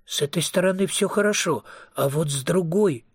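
A husky-voiced man voicing a hungry, whiny young male vampire in an audiobook reading. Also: on the high side, normal speed, no echo, clean studio sound. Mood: grumbling. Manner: whiny, grumbling.

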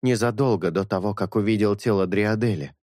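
A man's voice: lowish voice, a little mellow, dry recording, studio quality, natural voice. A man doing an earnest young priest. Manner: measured, thoughtful and sincere. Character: earnest young male priest, calm and honest.

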